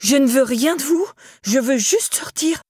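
A woman voicing a frantic young woman, high and fearful. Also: fairly quick, darkish tone, breathy edge, no echo, clean studio sound. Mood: pleading. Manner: frightened, pleading, then screaming. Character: panicked young woman trapped on a boat.

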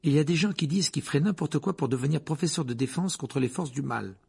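A man reading aloud and voicing an earnest, curious teenage schoolboy in a husky storybook voice. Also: a little high, fast talker, a little mellow, voice pushed up, exaggerated voice.

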